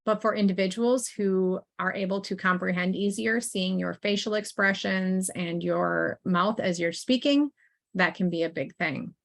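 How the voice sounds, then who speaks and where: Presenting a webinar training on assistive technology, a woman speaks through a computer microphone in a mid-range, creaky voice. She keeps it casual and friendly, with frequent fillers and little asides to those listening.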